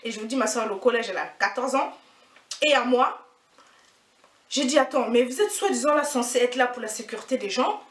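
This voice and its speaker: Young woman, casual storytime, indignant and animated, slightly high voice, roomy distant sound. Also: a little fast, pauses often. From France. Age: 20s. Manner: indignant, animated, repetitive slangy retelling. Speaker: vlogger. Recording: echoey room, mic at a distance.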